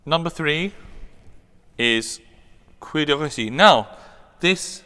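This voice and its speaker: A man's voice: fairly high pitch, animated, takes it slowly, pushed and bright, clean tone, in a large hall. A man chatting enthusiastically as co-host of a perfume review, rambling with many restarts. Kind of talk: casual chat.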